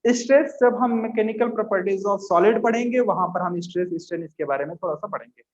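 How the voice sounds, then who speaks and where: A man teaching physics to students, coaxing them along and slowly repeating key terms. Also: high voice. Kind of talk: classroom lecture to students. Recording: echoey room, dull lo-fi sound.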